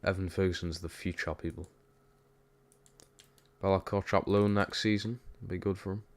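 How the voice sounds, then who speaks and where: A young Newcastle streamer with a Geordie accent offers casual commentary on a football game while reading chat. His voice sits low, with fairly even intonation at a moderate pace.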